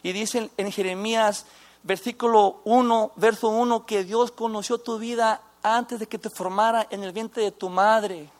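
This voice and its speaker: High-voiced man, halting testimony. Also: steady tone. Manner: halting, with restarts and mixing in English phrases. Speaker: former inmate giving testimony. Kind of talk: personal faith testimony.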